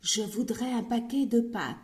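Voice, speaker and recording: A woman's voice: fairly high pitch, a little slow, darkish tone, lightly acted. Woman whispering as a timid tiny man. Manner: whispering, hesitant.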